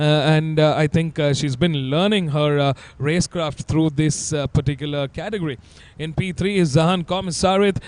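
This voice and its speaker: A man's voice: fairly high pitch, darkish tone, dry recording. A man with an Indian accent giving live motorsport commentary in a punchy announcer delivery, with frequent hesitations. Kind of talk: live race broadcast commentary.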